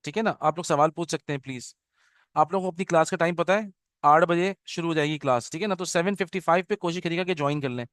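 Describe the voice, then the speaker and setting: A man's voice: on the high side, fairly bright tone, no echo, studio quality. A middle-aged man teaching an online class orientation, switching between Urdu and English and checking in with his students often. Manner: mixes English into Urdu, keeps checking with "okay?". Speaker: Arabic teacher. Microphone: video call.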